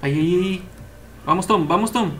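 A young man giving casual, excitable let's-play commentary as he plays, cheering on the characters. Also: high-pitched, brisk, a little hiss or hum. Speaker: gameplay commentator.

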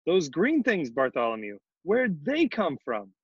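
Man voicing a royal trumpeter, storybook, lively swooping pitch, dull lo-fi sound. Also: measured pace, slightly rough, no echo, exaggerated voice. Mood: indignant. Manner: raised, animated storybook voice. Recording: dull lo-fi video call audio.

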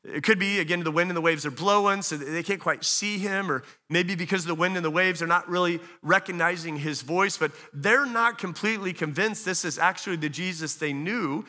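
Bright, high-voiced male pastor preaching. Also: fairly quick, hardly any pauses. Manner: conversational preaching, acts out quoted voices. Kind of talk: sermon. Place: church auditorium. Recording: long church hall reverb.

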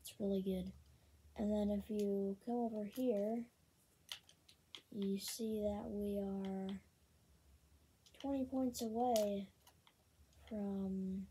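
A woman casually talking through a video game, with many ums and excited bursts over card pulls. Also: mid-range voice, takes it slowly, long pauses, a little hiss or hum. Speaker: gaming channel host. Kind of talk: casual gameplay commentary.

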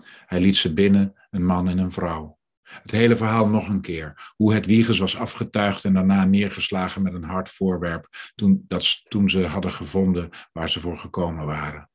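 A man reading aloud from his novel in a measured, steady way. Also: sits low, breathy edge. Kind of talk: literary reading.

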